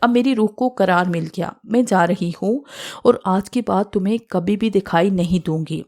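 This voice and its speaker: A woman's voice: mid-range voice, darkish tone, natural voice. A woman voicing the vengeful ghost of a young woman in an audiobook horror story, read dramatically. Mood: tender.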